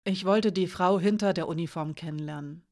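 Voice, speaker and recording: A woman voicing a composed female spy who speaks softly, calmly and earnestly. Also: fairly low pitch, a little fast, natural voice. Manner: soft, calm, earnest.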